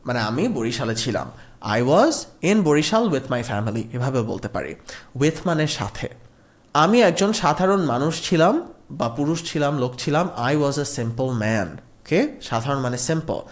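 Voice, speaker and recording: A man teaches a spoken English lesson. His pitch rises and falls in a lively, sing-song way. He says each example sentence slowly and then explains it.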